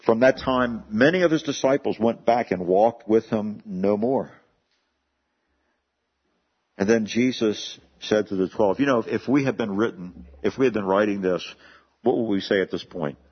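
Husky low guy preaching a sermon, earnest, keeps asking the church questions, dull lo-fi recording. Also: moderate pace. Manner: earnest, asks the congregation questions, restarts words. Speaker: pastor. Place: church service.

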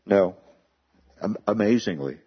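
A man's voice: lowish voice, expressive, unhurried, slightly rough. A male pastor preaching a sermon in a church service, earnest, asking the congregation questions and restarting his words as he goes. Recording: dull lo-fi sermon recording.

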